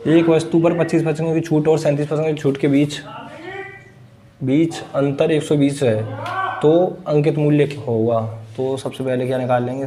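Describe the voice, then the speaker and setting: A man whose voice is dark in tone and medium in pitch leads a maths lesson at the classroom board. He asks his students questions and answers them himself, over a slight background hiss or hum.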